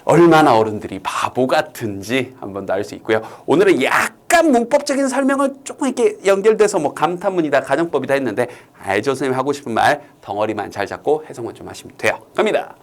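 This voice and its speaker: A man teaching an English reading lesson online. He reads the English lines slowly, then explains them in a lively way, sometimes acting out a child's words. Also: mid-range voice. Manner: animated, acts out lines in a childlike voice.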